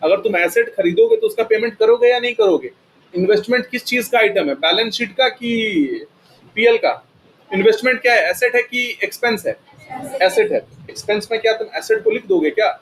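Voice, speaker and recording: A man teaches a classroom lesson. He fires a steady stream of questions at his students and then answers them himself. Faint noise hangs behind him. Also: sits high, a little fast, poor audio. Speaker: accounting teacher. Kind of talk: classroom lecture.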